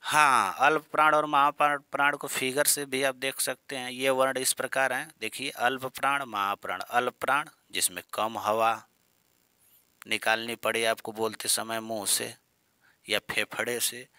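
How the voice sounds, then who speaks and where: A male Hindi grammar teacher gives an online exam-prep lesson in a bright, forceful voice. He quizzes his students, repeats the key terms, and mixes in playful jokes and mock scolding. The sound is dry and close, with no room echo. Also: medium pitch, steady tone, normal speed, clear, resonant tone. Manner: explains with questions, repeats key terms, calls students "बेटा", "बच्चों".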